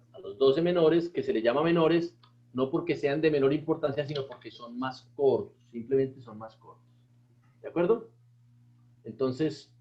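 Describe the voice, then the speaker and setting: A man's voice: medium pitch, highs cut off. A man who is a pastor teaching an online Bible class, with a Colombian accent, praising students and chanting lists with them. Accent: Colombian Spanish. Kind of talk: online class, leading group recitation.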